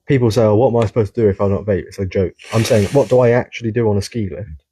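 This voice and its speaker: A man hosting a casual podcast chat, telling stories in an animated, swearing way. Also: fairly low pitch, racing, noisy background. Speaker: podcast host.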